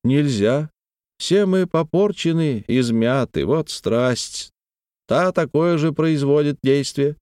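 A teasing, ardent young nobleman voiced by a male audiobook reader speaks in a lifted, lilting, animated way. The sound is dry and close, with no room around it. He plays with words, lightly mocking and pleading. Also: on the high side, takes it slowly, smooth, no room sound, pitched above the performer's own voice. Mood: playful, ardent. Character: playful, talkative young nobleman in love.

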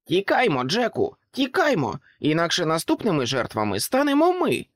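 A man's voice: fairly high pitch, huge pitch swings, moderate pace, no echo, clean studio sound, voice pushed up. A man putting on a bossy toy pig. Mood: urgent. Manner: urgent, commanding shouts. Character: brave bossy toy pig, small, urgent.

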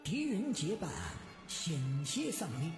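A storyteller narrating a detective tale in measured phrasing for radio. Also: medium pitch, big pitch swings, faint music behind.

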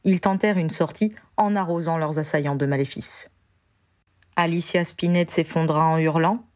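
Female audiobook narrator, measured and even, low pitched, warm dry tone. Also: dry recording. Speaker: audiobook reader. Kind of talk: storybook narration.

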